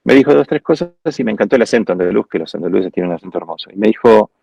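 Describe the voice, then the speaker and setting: A man with an Argentine accent gives a reflective, wandering lecture over a video call. His voice is deeply gravelly and husky, with a mellow, warm tone. The sound is dry and dull, like lo-fi call audio. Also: expressive, rapid-fire, no echo. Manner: reflective, digressive storytelling. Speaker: guest speaker at an architecture school. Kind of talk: informal lecture.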